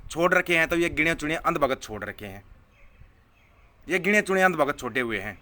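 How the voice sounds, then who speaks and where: A political vlogger answers viewer comments in an angry live rant, his voice high-ish, sharp, animated and fairly quick. Scornful and heated, he hammers his points home by repeating phrases for emphasis.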